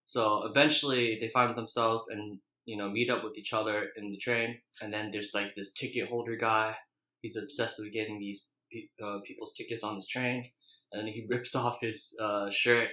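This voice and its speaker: Flat-toned young man, casual and echoey. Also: fairly low pitch, normal speed. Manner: rambling, colloquial, hesitant delivery. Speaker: vlogger reviewing a TV episode. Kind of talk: casual, unscripted episode recap. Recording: echoey, roomy sound.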